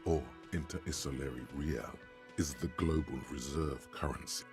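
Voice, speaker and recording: An actor voicing a wry, solemn narrator in a detective video game, over loud game music. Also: male voice, rumbling low, moderate pace. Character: deep-voiced male narrator of a detective game, omniscient and sardonic. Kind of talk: dramatic scripted narration.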